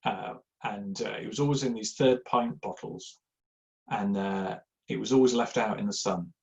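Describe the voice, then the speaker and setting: A middle-aged man with a gravelly edge to his voice, talking to a live audience in a loose, rambling way. He wanders into personal anecdotes, pokes fun at himself and fills the gaps with ums and uhs. The recording is a little dull and lo-fi. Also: fairly low pitch, moderate pace, a little mellow. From Yorkshire, England. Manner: rambling, anecdotal, self-deprecating, many fillers. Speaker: church giving speaker. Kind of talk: informal talk to a live audience. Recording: slightly dull lo-fi sound.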